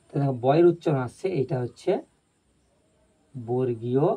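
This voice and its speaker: Guy teaching a grammar lesson, really dark husky voice, goes over stuff twice. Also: medium pitch, normal speed, poor audio. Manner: explains step by step and repeats points; checks that viewers understand. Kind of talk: video lesson.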